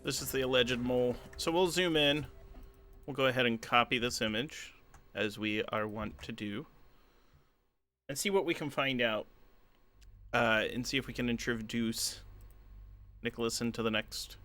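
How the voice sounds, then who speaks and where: This game master talks at normal speed with frequent pauses, his mid-range voice bright and forceful. Prepping his tabletop campaign on a casual solo stream over background music, he reads long rulebook passages aloud, thinks aloud, and hums from time to time.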